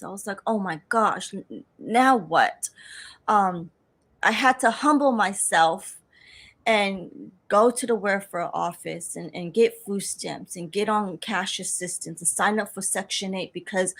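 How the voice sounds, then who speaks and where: A woman in her thirties giving an earnest personal testimony, with halting restarts and her own inner thoughts spoken aloud. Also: medium pitch, gravelly. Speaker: survivor telling her story.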